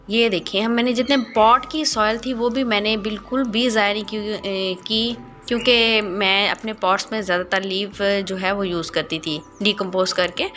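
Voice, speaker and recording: A woman narrating a voice-over for her garden makeover video, explaining each step calmly with small hesitant pauses. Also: medium pitch. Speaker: gardening channel host.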